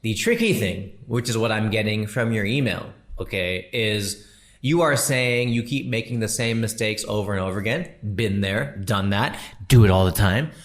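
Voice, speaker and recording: A man's voice: fairly low pitch, expressive, moderate pace. A man in his thirties hosting a podcast, talking casually and answering a listener in a chatty, slangy way. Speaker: podcast host and comedian.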